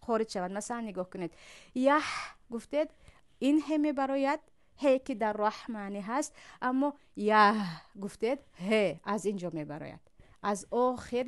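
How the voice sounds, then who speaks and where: A woman with a Tajik accent gives a patient pronunciation lesson, stretching out throat sounds and saying them again and again. Her voice sits a little high. She explains each point plainly, as a recitation teacher would. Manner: slowly demonstrates and repeats sounds from the throat.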